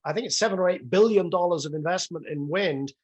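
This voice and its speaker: A man's voice: high voice, fast. A man hosting a podcast interview and its outro, talking conversationally with many ums and uhs. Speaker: podcast host.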